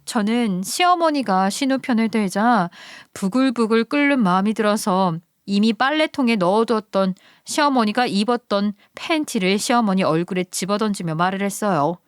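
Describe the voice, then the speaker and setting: A woman's voice: mid-range voice, lively intonation, normal speed, few pauses, clear, resonant tone, no room sound, studio quality. Woman narrating a dramatic story. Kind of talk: scripted narration of a reader story.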